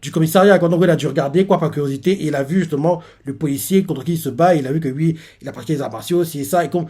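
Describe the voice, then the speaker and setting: A man's voice: on the high side, rapid-fire, dark tone, breathy edge. A man hosting a live reaction, retelling a manga chapter in a rambling way full of fillers.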